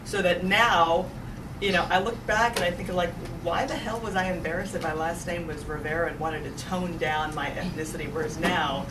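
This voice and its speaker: Speaking at a moderate pace in a voice on the low side, a news anchor from suburban Dallas joins a live panel discussion. She's animated and informal, stressing points and repeating phrases for effect. The recording was made in an event room with a far-off mic, so it's noisy and echoey.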